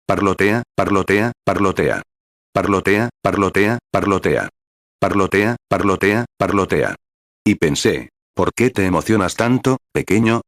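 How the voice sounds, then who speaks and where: A man with a deep, low voice reads a sermon aloud in a steady, even way. He announces each scripture reference and paragraph number before going on. The sound is dry and close, with no room around it. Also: dry recording. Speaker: sermon reader.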